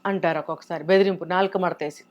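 A woman, a guest in a studio interview, explaining in a conversational way with pauses and self-corrections. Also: lowish voice, steady tone, dull audio. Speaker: guest expert.

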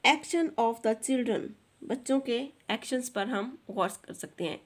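A woman with a Pakistani accent teaching a textbook lesson, reading English lines slowly and carefully and then explaining them briskly. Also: on the high side, animated.

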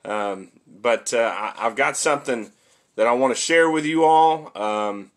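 A man's voice: medium pitch, a little slow. A male pastor giving a casual online sermon, talking conversationally with lots of fillers and restarts, encouraging toward his listeners.

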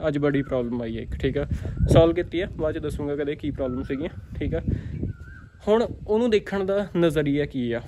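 A man's voice: fairly high pitch, brisk, noisy background. A man with a Punjabi accent, a dairy farmer giving a casual motivational talk to camera, repeating himself and checking in with "theek aa". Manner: repetitive, keeps asking "theek aa".

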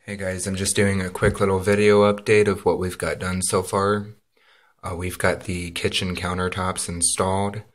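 Narrating a homemade cabin build in a low voice at normal speed, the man keeps things relaxed and peppered with "uh" and "um." It's casual home video talk that starts in the backyard and ends up inside a small wooden cabin.

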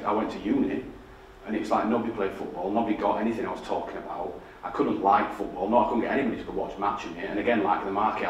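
Heard from afar in an echoey hall with a bit of hiss or hum, a middle-aged designer speaks on the low side in a thick Yorkshire accent. His public talk on a dark stage with a projector screen is casual storytelling, blunt, self-deprecating and full of swearing.

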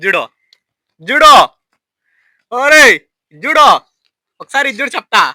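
A man filming a prank vlog on a phone at home, loudly and insistently calling out to his friend and teasing him. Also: high voice, animated, moderate pace, rough recording. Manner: loud, insistent, repeats calls and commands. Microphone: phone camera.

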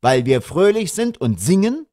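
A man's voice: lowish voice, lively intonation, normal speed, no echo, studio quality, lightly acted. A man as a grumbling, irritable father. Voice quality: grumbling, indignant. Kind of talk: audiobook character reading.

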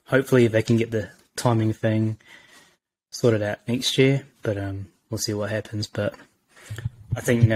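A man talking sport in a measured, hedging way, leaning on "kinda" and "you know". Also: on the low side. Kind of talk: casual sports chat.

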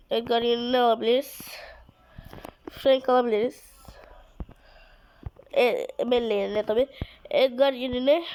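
A woman giving excited live commentary on a mobile game, her voice a little off from being ill, recorded on a phone mic. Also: a little high, poor audio. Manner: excitable, urges and scolds the game, drops to mutters. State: slightly ill voice. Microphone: phone mic via screen recorder.

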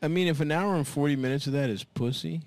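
A young man co-hosting a podcast, giggling through crude banter and often swooping up into silly high voices. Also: fast talker, darkish tone. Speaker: podcast co-host.

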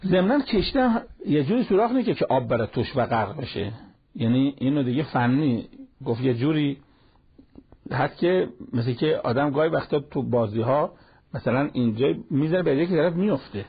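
Raspy, gravelly male Quran teacher. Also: mid-range voice, expressive. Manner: retells a story in plain colloquial speech, acting out the dialogue. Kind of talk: storytelling religious lesson. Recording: lo-fi television broadcast audio.

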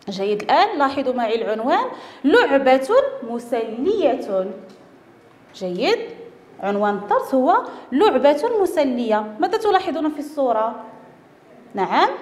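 Woman, schoolteacher, high lively voice, drawn-out syllables, reverberant room. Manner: slow, drawn-out syllables for children. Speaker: teacher. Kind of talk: primary school reading lesson. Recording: echoey room with long reverb.

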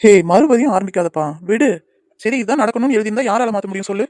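A woman voicing a gentle, patient young man in a cartoon, soothing and reassuring the people around him. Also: fairly high pitch, no room sound, clean studio sound, lightly acted. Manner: soothing, reassuring, quick talking. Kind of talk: cartoon voice acting.

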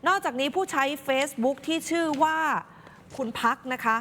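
Expressive female news anchor addressing viewers. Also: high-pitched, normal speed, in a large hall. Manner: expressive, talks directly to viewers. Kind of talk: news commentary.

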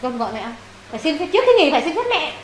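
A woman's voice: sits high, sing-song, racing, slight background noise. A woman tutoring a pupil in English, firing questions at him and scolding and teasing him when he gets answers wrong. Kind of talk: casual one-on-one homework tutoring. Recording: echoey room with faint ambience.

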